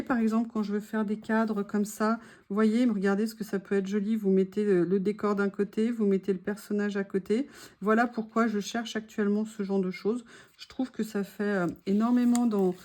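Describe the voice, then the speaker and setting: A woman chatting casually to her viewers while unboxing craft supplies, gushing softly and adding small asides. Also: mid-range voice. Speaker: craft vlogger.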